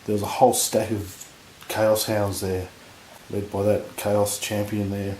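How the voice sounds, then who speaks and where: A man with a husky voice from recent illness, giving relaxed, rambling commentary on a tabletop battle. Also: lowish voice, a little slow. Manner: relaxed, rambling, lots of fillers. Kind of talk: casual game commentary. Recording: echoey room with faint noise.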